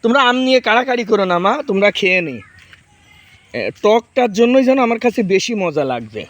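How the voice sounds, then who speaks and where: A very animated man with a high-sitting, slightly bright voice talks at a moderate pace, with no echo. He's a Bangladeshi farming vlogger in his thirties, casually demonstrating fruit in a garden and directing his kids.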